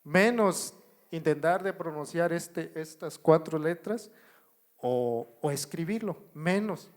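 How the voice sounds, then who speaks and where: A man with a Mexican Spanish accent teaches a Bible study to a congregation, speaking at an unhurried pace. His voice sits fairly high for a man. He repeats himself and often stops to check that his listeners are following. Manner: addresses the congregation as brothers, asks if they follow; writes on a board while explaining. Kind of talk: slow, repetitive Bible teaching. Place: church.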